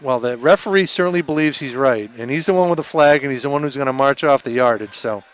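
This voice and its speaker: A man giving color commentary at a local high school football game, talking through the blocking in a chatty way and correcting himself. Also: quick pace, smooth. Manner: chatty analysis with self-corrections and light laughs. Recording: outdoor stadium with crowd and noise. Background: crowd and field noise.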